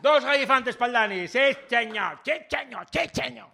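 A man hosting a casual radio interview, chatty and teasing, firing quick follow-up questions. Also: very high-pitched, expressive, vocal fry, loud music behind the voice. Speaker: radio host.

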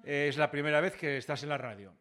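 A man hosting a casual radio interview, chatty and teasing, firing quick follow-up questions. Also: a little high, fairly bright tone. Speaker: radio host.

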